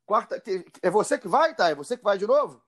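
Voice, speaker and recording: A man's voice: high-pitched, very animated, a little fast, a bit bright. A man with a Brazilian accent hosting a casual football show in a chatty, informal, emphatic way. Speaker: sports podcast host.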